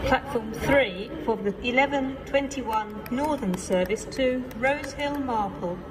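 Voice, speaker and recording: A woman making formal, measured pre-recorded public announcements in the manner of an airport or railway station announcer. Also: on the high side. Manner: measured, formal, item-by-item listing. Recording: noisy station PA with vehicle ambience. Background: train station ambience, vehicles.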